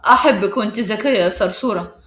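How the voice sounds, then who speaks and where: A woman's voice: mid-range voice, fast talker, a bit bright, echoey room, voice pushed down, natural voice. A woman with an Egyptian accent voicing a sly, scheming teenage schoolboy who taunts a classmate in a smug way. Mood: taunting. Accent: Egyptian Arabic.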